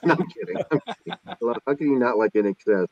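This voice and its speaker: A man's voice: medium pitch, expressive, quick pace, vocal fry, a little mellow. Joking man in his fifties, lo-fi. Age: 50s. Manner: joking, teasing. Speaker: stream host. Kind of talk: casual group video chat. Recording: dull lo-fi sound.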